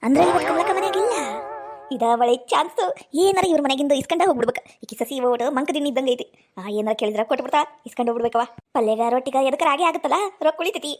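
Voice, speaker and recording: A woman's voice: sits high, expressive, racing, darkish tone. A woman voicing a greedy, scheming village neighbour in a comic cartoon, with a North Karnataka accent and a sly, plotting manner. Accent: North Karnataka Kannada. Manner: sly, plotting, rustic talk.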